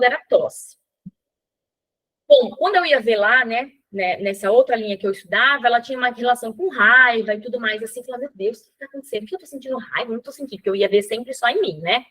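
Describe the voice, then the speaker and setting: A woman's voice: fairly high pitch, a bit bright, rough recording. A woman hosting a course for mothers, telling a personal story in a casual spoken lesson full of fillers and acted-out dialogue. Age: adult with a child. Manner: chatty, many fillers like "né" and "tá"; acts out dialogue in her storytelling. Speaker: course host teaching mothers.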